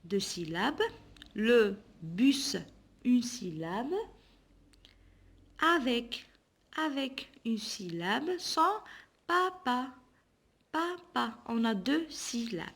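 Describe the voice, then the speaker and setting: A woman teacher leads young children through a reading lesson. She talks slowly and patiently, breaking each word into syllables. Her voice sits a little high. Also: animated, breathy edge. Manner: slow and patient, sounding out syllables. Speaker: primary school teacher.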